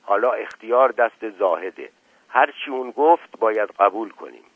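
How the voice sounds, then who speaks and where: A man reading aloud as a loyal villager who loudly urges the others to obey the elder. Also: on the low side, animated, husky, no room sound, narrow, tinny audio. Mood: urging. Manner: loud, urging.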